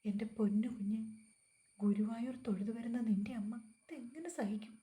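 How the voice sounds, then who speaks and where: A woman's voice: a little high, moderate pace, dark tone, close to an everyday voice. A woman reading the part of a scheming middle-aged uncle who gushes with overdone sympathy on the phone. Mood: fawning.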